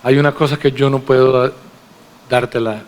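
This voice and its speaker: A man's voice: mid-range voice, steady tone, normal speed, a loud crowd, very noisy. A man preaching a sermon to his congregation in a church, emphatic, with rhetorical questions and direct address. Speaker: pastor.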